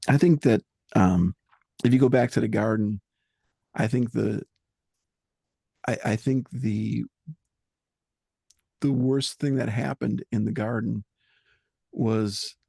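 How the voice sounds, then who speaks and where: A man being interviewed as a musician, talking in an earnest, halting way and searching for words. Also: medium pitch, fairly even intonation, gravelly, mellow, breathy edge, dry recording, studio quality. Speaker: musician guest. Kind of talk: reflective interview talk.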